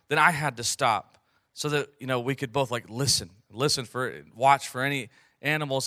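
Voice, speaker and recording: A man preaching a sermon, telling a personal story in an earnest way, often clearing his throat and slowing down on key phrases. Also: medium pitch, fairly bright tone, no room sound, clean studio sound. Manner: frequent throat clearing and fillers. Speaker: pastor.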